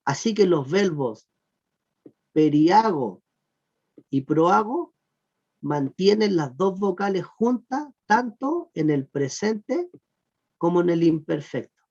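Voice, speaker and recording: A teacher giving an online class on Greek verb grammar, patiently repeating "look" and asking the class whether it is clear. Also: medium pitch, very animated, takes it slowly, long pauses, a little mellow. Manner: patient, repeats "miren" and "fíjense" often; asks the class check questions. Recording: muffled lo-fi recording.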